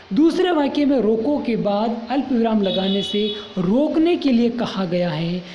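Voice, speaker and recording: A woman teaching a grammar lesson, explaining slowly and restating each point with examples. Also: medium pitch, dark tone, highs cut off.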